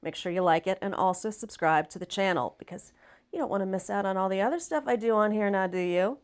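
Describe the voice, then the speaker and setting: A woman with a raspy voice, hoarse from laryngitis, chatting casually and emphatically as a folksy livestream host. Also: medium pitch, quick pace. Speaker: live stream host.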